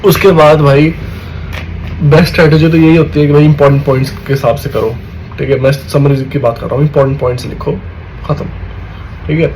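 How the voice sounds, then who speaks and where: A young man with a slightly high, darkish voice and little pitch movement talks fairly quickly but with long pauses, on poor audio with a little hiss or hum. He's a student vlogger casually offering exam tips, calling his viewers "bhai" and repeating "theek hai" to confirm they follow.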